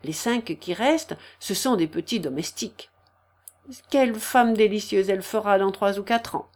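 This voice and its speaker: A woman voicing a jovial, hearty middle-aged man who talks in loud, laughing, cheerful chatter, read as an audiobook character. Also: mid-range voice, normal speed, lightly acted. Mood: gushing.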